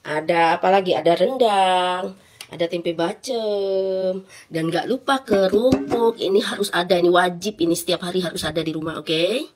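Her low-leaning, darkish voice moves at normal speed as she casually addresses her viewers. She's a mukbang vlogger from Indonesia in her thirties, filming in her living room on a phone held at arm's length.

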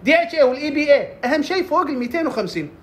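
A woman talks fast through casual health advice, firing off questions and answering them herself. Her voice sits fairly high. A faint hum runs under the recording. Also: animated. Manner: quick, asks and answers her own questions. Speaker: herbal health presenter. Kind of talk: casual health tips talk.

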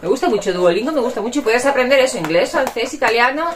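Chatty woman with a lively, high-ish voice. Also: fast, a crowd in the background. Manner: chatty and rambling, with frequent tag questions. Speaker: vlogger. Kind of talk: casual chat to viewers. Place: at home.

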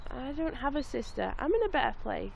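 A dazed, brainwashed young cult follower played by an actress in a found-footage drama. Her voice is high and creaky, detached and in blank denial, with faint noise outdoors. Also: sing-song, fairly quick, darkish tone, dull audio, full character voice. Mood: dazed, insistent. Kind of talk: found-footage film acting. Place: outdoors in woodland.

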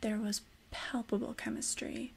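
Woman acting a hushed, creaky, obsessive librarian in whispered role-play. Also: on the high side, level tone. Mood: intimate, insistent. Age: young adult. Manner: hushed, slow, intimate librarian whisper with pauses. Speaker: ASMR performer playing a librarian.

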